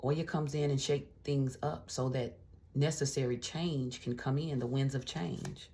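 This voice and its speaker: With an extremely low, gravelly, dark voice, a woman gives an animated yet measured tarot reading straight to camera. She's chatty and encouraging, often dropping in check-ins and fillers, and keeps an uplifting spiritual tone throughout.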